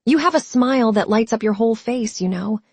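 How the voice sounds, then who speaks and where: A woman's voice: a little high, expressive, a little fast, a little mellow, breathy edge, no room sound. A woman narrator voicing a tired, wounded young soldier who speaks wearily with a touch of dry humor, in a dry, close recording. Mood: weary.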